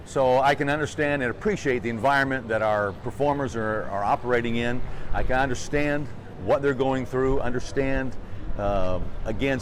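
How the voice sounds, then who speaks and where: A man giving deliberate, explanatory interview answers as an airshow announcer and pilot. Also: medium pitch, slight background noise.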